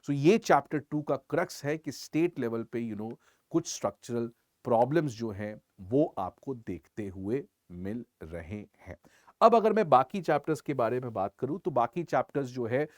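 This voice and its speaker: A man's voice: mid-range voice, expressive, normal speed, a little mellow, dry recording, studio quality. A man teaching an exam-prep lecture in Hindi mixed with English in an Indian accent. He drives his points home with rhetorical questions.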